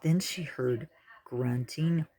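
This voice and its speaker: A woman reading a children's storybook aloud, slow and expressive. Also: low-pitched. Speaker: audiobook reader. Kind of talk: storybook narration.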